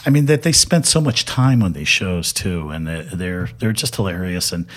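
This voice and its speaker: A man guest in an interview, telling a funny anecdote in a casual, animated way and laughing often. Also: low voice, normal speed.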